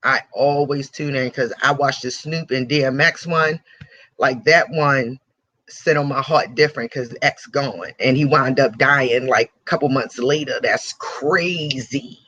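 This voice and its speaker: A man with a mid-range voice that is pushed and bright speaks a little slowly, with no room sound but a dull, lo-fi quality. He hosts a radio show, giving blunt, profane, heated celebrity commentary and repeating his points for emphasis.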